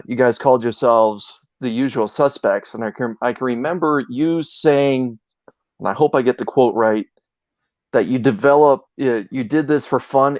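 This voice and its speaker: A man's voice: mid-range voice, no echo. Man chatting on a dull, dry recording. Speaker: interview guest, video creator. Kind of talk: casual chat, telling anecdotes.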